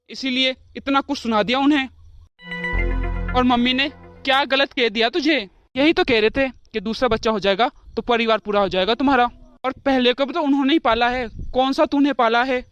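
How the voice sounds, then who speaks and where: A woman's voice: high voice, a bit bright, dry recording, dull audio. A woman voicing a grumbling young husband in a cartoon, who scolds his wife with exasperation. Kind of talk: cartoon voice acting.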